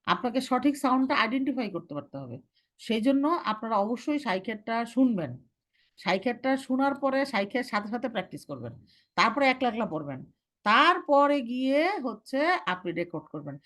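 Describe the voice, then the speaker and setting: A young woman with a slightly high voice leads a recitation class. She gives firm, step-by-step instructions and slows right down to model each sound for her students. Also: very animated, fairly bright tone. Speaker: Quran recitation teacher.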